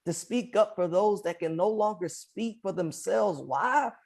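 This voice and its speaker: A man's voice: high voice, measured pace, vocal fry, a little mellow. A man performing earnest, emphatic spoken word poetry as an open mic poet, leaning on repeated phrases. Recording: live open mic event.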